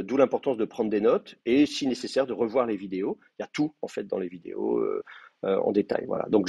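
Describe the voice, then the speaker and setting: A man's voice: on the low side, vocal fry, warm tone, husky, dry recording, muffled recording. A man with a French accent giving a university lecture on biblical Hebrew, hesitant with many fillers and restarts. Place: classroom, also streamed to remote students.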